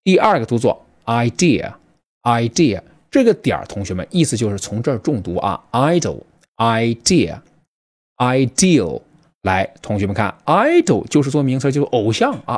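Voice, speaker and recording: A man teaching a short vocabulary lesson, talking straight to his students and quizzing them as he goes. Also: mid-range voice. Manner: lively, addresses students directly with quick questions. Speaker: English teacher.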